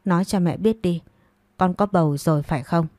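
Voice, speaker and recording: A woman's voice: fairly low pitch, fairly quick, warm tone, no room sound, natural voice. Middle-aged rich mother in an audio story, read by a woman: stern, insistent questioning, dry close voice.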